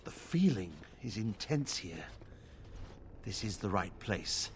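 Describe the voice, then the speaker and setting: An actor playing a solemn, devout male companion in a fantasy game, speaking gravely and formally. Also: on the low side, big pitch swings, takes it slowly, slight background noise, heavily acted.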